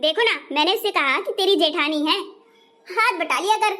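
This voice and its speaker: Woman doing a bossy shouting mother-in-law. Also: very high voice, moderate pace. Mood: angry. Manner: scolding, shouting, insulting. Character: bossy loud older mother-in-law, quick to scold. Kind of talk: comic family skit.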